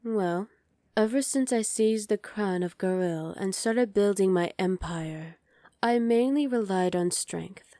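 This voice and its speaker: Slow and dark-toned, a woman's medium-pitched voice stays close to her everyday sound in a studio-quality recording with no echo. Playing a dominant evil sorceress queen in ASMR roleplay, she is commanding, condescending and coolly threatening, imperious throughout.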